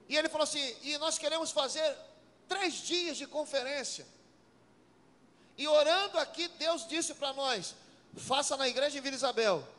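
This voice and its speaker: A man preaches in a church, his voice sitting very high. He tells his story through acted dialogue, then builds to shouted calls to the congregation. Long reverb from the sanctuary trails every phrase. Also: slight background noise. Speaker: pastor. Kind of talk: sermon.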